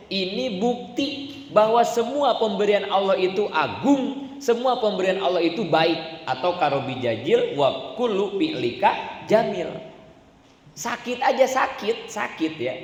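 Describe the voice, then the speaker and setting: A man's voice: high-pitched, sing-song, unhurried. A man preaching at a religious study gathering, speaking colloquially with rhetorical questions and a constant "ya". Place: mosque or prayer hall. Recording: echoey hall, slight room noise.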